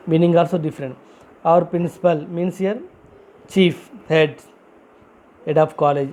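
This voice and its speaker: A man's voice: a little high, dark tone, low-quality recording. A man teaching a vocabulary lesson, spelling words out letter by letter and repeating each example sentence. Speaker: English teacher.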